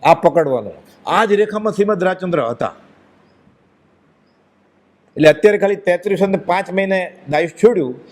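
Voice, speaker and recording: A man's voice: on the high side, darkish tone. A man giving a devotional discourse, speaking emphatically and asking many rhetorical questions. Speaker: religious speaker.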